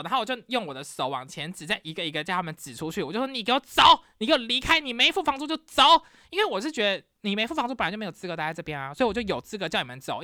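Lively fast-talking Taiwanese woman. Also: fairly low pitch, dry recording, clean studio sound. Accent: Taiwanese Mandarin. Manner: animated, acts out scenes dramatically. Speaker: podcast host. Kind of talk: casual storytelling.

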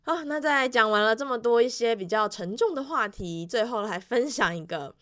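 A woman's voice: on the high side, lively intonation, moderate pace, a bit bright. A young woman in her twenties, a music teacher, telling stories about her class in a casual, chatty weekly monologue full of fillers and restarts. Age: 20s. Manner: acts out children's voices in quoted lines.

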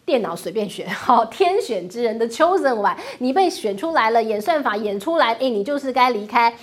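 Woman, finance commentary host, animated delivery, fairly high voice. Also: moderate pace, slightly rough. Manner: animated, rhetorical questions, wry asides. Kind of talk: talk-show commentary on the economy.

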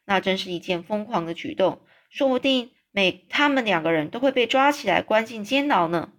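A woman's voice: medium pitch, animated, normal speed. A woman reading a children's storybook aloud, stopping for unscripted asides, restarts and little explanations.

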